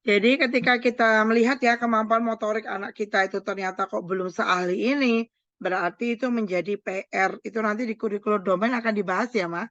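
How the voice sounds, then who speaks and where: A woman doctor giving an online parenting seminar, lively and often acting out what parents say to children. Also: mid-range voice, brisk, dry recording, highs cut off.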